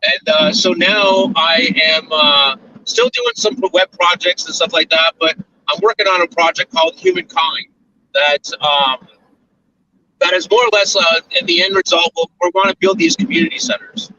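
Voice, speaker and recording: A man from Arizona in his forties, a guest talking over a video call from inside a moving car, with audio that keeps breaking up. He speaks haltingly, with lots of fillers and restarts. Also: high voice, huge pitch swings, gravelly. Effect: choppy breaking-up call audio. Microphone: phone or laptop on a video call. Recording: distant, dull lo-fi call audio with faint car noise.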